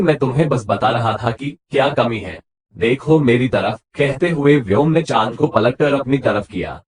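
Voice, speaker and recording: Guy narrating a romance audiobook, husky voice, lively up-and-down delivery. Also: medium pitch.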